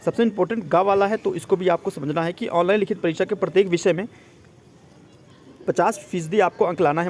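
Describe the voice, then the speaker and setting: A high-pitched man with a darkish tone, working as an exam coaching presenter, breaks down a job notice in a casual way. He blends in English words and repeatedly confirms that listeners understand.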